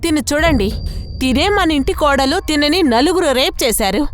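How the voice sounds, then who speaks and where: A woman's voice: high voice, expressive, moderate pace. A woman playing a bitter, ashamed family relative in a dubbed TV crime drama. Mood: bitter, agitated.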